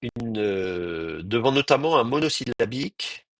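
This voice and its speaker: A man teaching an online class, explaining slowly and thinking aloud, with frequent pauses and restarts. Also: mid-range voice, lively intonation, a bit bright, no room sound. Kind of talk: live online class lecture.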